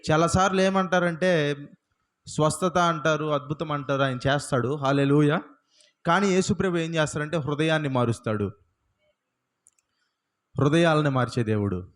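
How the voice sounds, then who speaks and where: A man's voice: fairly high pitch, moderate pace, long pauses, a bit bright. A male pastor preaching a sermon, firing rhetorical questions at the congregation and punctuating points with repeated hallelujahs.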